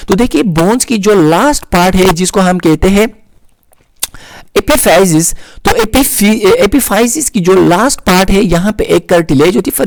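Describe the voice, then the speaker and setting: High gravelly man lecturing slowly. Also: dry recording. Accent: Pakistani Urdu. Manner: explains slowly, repeating terms, with frequent "uh" fillers. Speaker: nursing lecturer. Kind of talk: recorded lecture over slides. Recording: dry close recording.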